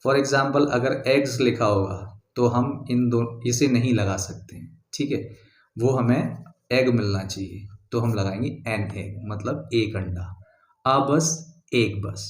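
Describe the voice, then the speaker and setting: Man, teacher, patient slow explaining, mid-pitched voice, echoey room. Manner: slow, patient explaining, reads example sentences word by word. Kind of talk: grammar lesson.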